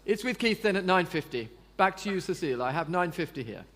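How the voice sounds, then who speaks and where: A man's voice: high voice, big pitch swings, brisk, a bit bright. A man auctioneer calling bids live, polite and formal as he addresses bidders by name. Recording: long hall reverb.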